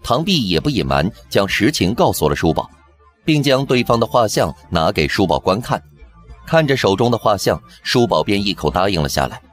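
A man narrating a period TV drama recap in a lowish voice that rises and falls vividly. His telling is brisk and scripted, with faint background music underneath. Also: big pitch swings. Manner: brisk storytelling.

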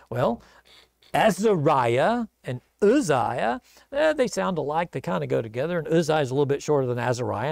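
A man's voice: a little high, gravelly, a little mellow, no echo, clean studio sound. A man from the United States teaching a casual Bible study sermon in a church, telling the story folksily and acting out the voices in it.

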